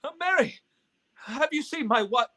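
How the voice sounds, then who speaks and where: In a live radio play, a man voices a frantic family man who moves from despair to giddy, overjoyed relief. His very high-pitched voice is sharp, expressive, and heavily acted at a moderate pace as he stammers and pleads with breathless, impassioned urgency.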